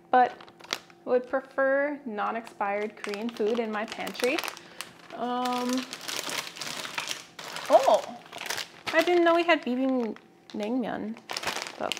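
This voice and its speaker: A woman's voice: a little high, background noise. Chatty Minnesota woman with a wry edge. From Minnesota, USA. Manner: chatty, wry, laughs often. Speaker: vlogger. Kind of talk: casual vlog chat.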